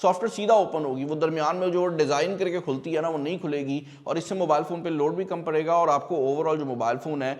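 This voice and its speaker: Male tech host, chatty and direct, slightly high voice, hall echo. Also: a little mellow. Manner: chatty, addresses viewers directly, explains with everyday examples. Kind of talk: casual explainer talk. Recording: long hall reverb.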